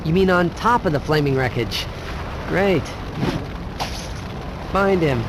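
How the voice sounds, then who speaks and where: A man's voice: fairly high pitch, lively intonation, takes it slowly, background noise. A man playing a wisecracking, anxious teenage superhero in a video game, sarcastic and quippy. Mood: sarcastic, nervous. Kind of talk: video game cutscene acting. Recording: loud music over the voice.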